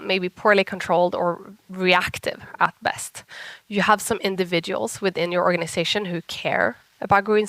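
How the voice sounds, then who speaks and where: A woman with a Swedish accent gives an informal conference talk in a husky whiskey voice roughened by a cold, chatty and self-deprecating. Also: on the low side, fairly bright tone, no room sound, poor audio. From Sweden. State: sick with a cold. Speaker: conference speaker, software engineer.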